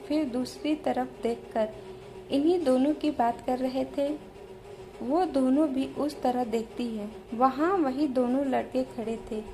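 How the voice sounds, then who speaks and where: A woman reading a romance novel aloud as a storyteller, in slow, even narration. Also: high voice, background noise.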